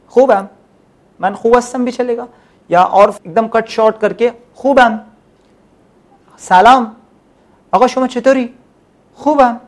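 A man teaching a Farsi class, drilling syllables slowly and explaining in a mix of Urdu and English. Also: extremely high pitch. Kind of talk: language lesson.

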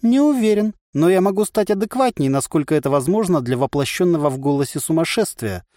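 A man's voice: fairly high pitch, animated, brisk, darkish tone, no echo, clean studio sound, pitched above the performer's own voice, natural voice. A man doing a gleeful mad voice in one's head. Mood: reciting ad. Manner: chirpy, recites adverts with glee. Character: cheerful insane male voice in one's head.

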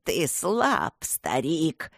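A woman voicing a demonic evil spirit that possesses a young girl, speaking in a slow, creaking, droning, inhuman voice. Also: low-pitched, big pitch swings, dry recording, studio quality, full character voice. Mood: menacing. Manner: slow, menacing, mocking.

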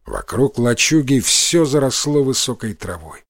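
A man narrating a folk tale in a scripted, expressive storytelling manner. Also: mid-range voice, a little slow, dry recording, clean studio sound.

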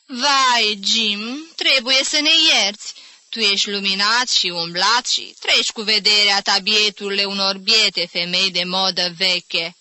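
Overly courteous, ironic old-fashioned lady, read by a woman; bright, dry tone. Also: medium pitch, steady tone, no room sound. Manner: excessively polite, lightly ironic.

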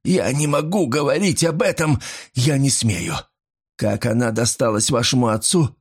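A man voicing a nervous old male pawnbroker who pleads breathlessly, rising into shrill panic. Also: moderate pace, husky, close to an everyday voice. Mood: agitated.

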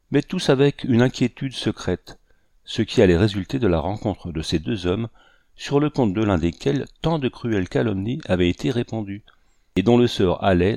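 A man narrates a historical novel in a measured, even reading. His voice sits low, and the recording is dry and close, with no room sound around it. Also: creaky, no echo.

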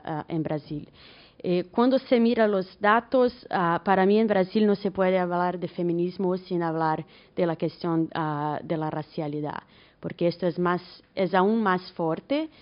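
Lowish-voiced Brazilian woman speaking halting portuñol. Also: muffled recording. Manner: mixes Portuguese into Spanish, portuñol. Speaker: academic speaker, economist. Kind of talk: conference talk.

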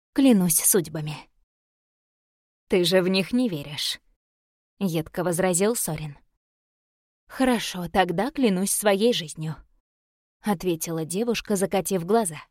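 Low-voiced woman reading a novel. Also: normal speed, a little mellow, no room sound, studio quality. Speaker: audiobook narrator. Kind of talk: scripted narration of a romance novel.

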